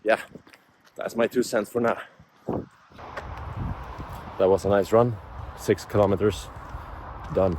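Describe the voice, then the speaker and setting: A Swedish man in his 20s, a native Swedish speaker, muses aloud to camera in a casual vlog about life and goals, sounding reflective and self-motivating. His voice is fairly low and fairly even, slow with long pauses, and there is background noise.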